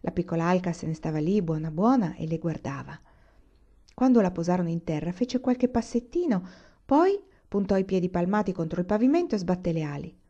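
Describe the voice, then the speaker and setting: A woman reading a children's novel aloud in an expressive, deliberate way. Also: on the low side. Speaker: reader. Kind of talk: storybook read-aloud. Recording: muffled lo-fi recording.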